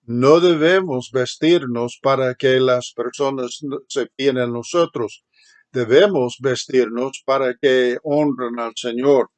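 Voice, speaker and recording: A male Bible teacher giving a seminary lecture at a slow, unhurried pace. His voice sits at an ordinary middle pitch, and he speaks earnestly, stopping often for filler sounds and false starts as he calls his listeners brethren. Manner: hesitant, many filler sounds and restarts.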